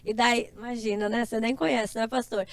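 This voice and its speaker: A middle-aged woman, a church member, telling stories in a casual, emotional and expressive way. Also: fairly high pitch, normal speed, dry recording. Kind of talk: casual chat.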